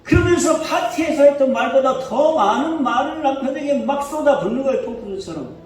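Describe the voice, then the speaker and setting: A male pastor preaching a sermon in a church, telling a story with lively questions to the congregation. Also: extremely high pitch, fairly quick. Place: church sanctuary. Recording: echoey church hall from far off, faint music.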